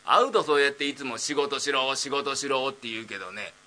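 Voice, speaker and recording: A man voicing a dim-witted idle young man nearly thirty, rambling slowly in rakugo storytelling. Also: mid-range voice, sharp tone, lightly acted.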